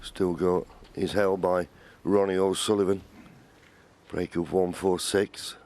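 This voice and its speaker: Low-voiced man commentating on snooker. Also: flat delivery, slow pace, darkish tone. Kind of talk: live sports commentary. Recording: crowd and arena noise behind. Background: snooker arena audience ambience.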